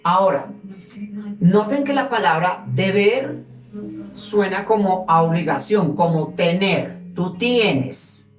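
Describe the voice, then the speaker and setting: A woman teaching an English grammar lesson, explaining slowly and switching between English and as she drills words. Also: medium pitch, expressive, roomy sound, soft background music, poor audio.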